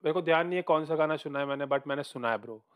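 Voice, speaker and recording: A man's voice: fairly high pitch, fast talker, fairly bright tone. A man hosting a music reaction video, chatting casually, mixing Hindi and English, with hesitant fillers and calling the listener bro.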